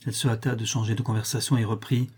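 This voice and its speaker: Male audiobook narrator, husky and mellow, measured delivery. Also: on the low side. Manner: steady, measured reading.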